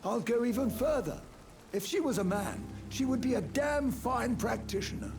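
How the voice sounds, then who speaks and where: A proud old doctor, lively and high. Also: male voice, moderate pace, vocal fry, exaggerated voice. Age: older. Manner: earnest, formal and stiff-upper-lip. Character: older male doctor, proud and dutiful. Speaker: game character. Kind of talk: video game dialogue. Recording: game audio under music.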